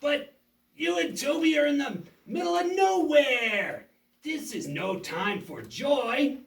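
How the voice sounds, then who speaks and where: A performer voicing a gloating, fearmongering villain puppet with drawn-out taunts in a children's show. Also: high voice, animated, vocal fry, exaggerated voice. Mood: menacing. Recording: roomy echo, distant mic.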